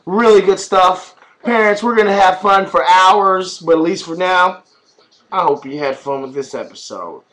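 At a normal speed and high pitch, a dad in his thirties chatters playfully to his baby in an animated singsong. He's recording a home vlog on a webcam at arm's length, indoors in a small room at home.

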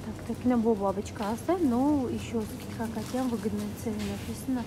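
Woman vlogger, high voice, chatty, mulls things over aloud, grocery store with clear background noise. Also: steady tone, brisk. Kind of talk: casual vlog talk. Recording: noisy shop background.

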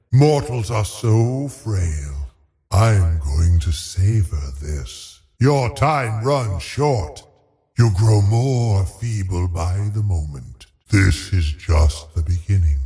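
A man voicing a cold, haughty undead lich sorcerer in a video game, speaking in a menacing, theatrical, deliberate way as he savors his cruelty. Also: low voice, warm tone, long reverb tail, heavily acted. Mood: cruel, savoring. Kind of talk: video game villain voice lines.

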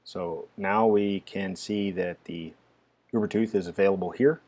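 A man with a very low voice talks through a hardware and software setup on screen. His delivery is casual and halting, with plenty of fillers as he explains each step. Keyboard typing and mouse clicks sit faintly behind him. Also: fairly even intonation, breathy edge. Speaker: tech tutorial presenter. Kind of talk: screen-recorded software walkthrough.

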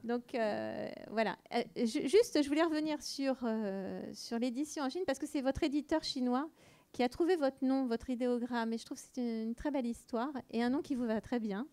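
A woman's voice: on the high side, moderate pace, mellow, clean tone. A woman moderating a public conversation with an author, enthusiastic, with occasional fillers. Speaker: moderator of a book festival talk.

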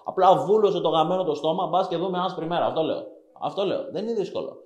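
A man's voice: on the high side, a little mellow, lo-fi sound. A man giving viewers a blunt, scolding fitness talk, crude and profane, who repeats phrases for emphasis. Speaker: fitness vlogger. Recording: roomy echo with faint background music.

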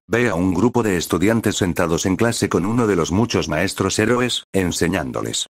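A man narrating a fan fiction story in a steady storytelling manner. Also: low voice, dry recording, studio quality.

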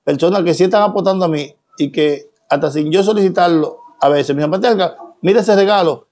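A man's voice: on the high side, a little fast, darkish tone. A man with a Dominican accent speaking straight to his followers, emphatic and preachy, full of rhetorical questions. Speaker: social media personality. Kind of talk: direct-to-camera monologue.

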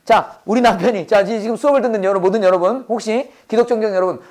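A man's voice: sits high, fast talker, a little mellow. A Korean-speaking man teaching a Bible-based English lesson to a class. He drills phrases with call-and-response and laughs often.

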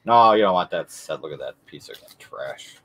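A man's voice: low-pitched, lively intonation, moderate pace, a bit bright. A man hosting a live coin auction, joking and reading bids from chat. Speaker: auction host. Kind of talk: casual live auction banter.

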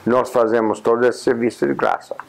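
A native English-speaking American man in his eighties, who is a journalist and honorary consul, gives reflective answers in an interview set in a plain indoor room. His voice is medium-pitched and creaky, with little pitch movement, and he speaks unhurriedly with many "ah" pauses and restarts.

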